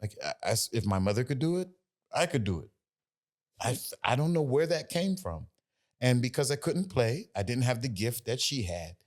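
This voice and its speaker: A man's voice: mid-range voice, big pitch swings, normal speed. An American man in his forties, a singer, telling his story in a casual interview with many fillers and restarts. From United States. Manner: loose, rambling, lots of fillers and restarts. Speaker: guest, singer.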